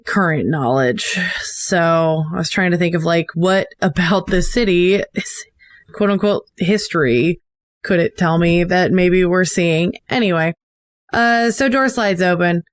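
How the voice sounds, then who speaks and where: A woman's voice: on the low side, expressive, a little slow, dry recording, clean studio sound. Woman player thinking aloud. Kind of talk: casual tabletop game play.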